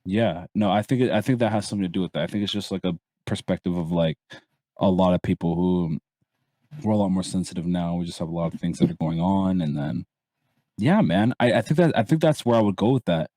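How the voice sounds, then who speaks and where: Low, fairly quick, and mellow, the voice belongs to a Barbadian man in his early twenties guesting as a content creator on a laid-back podcast. He rambles with restarts and the odd casual swear word, and there's no room sound at all.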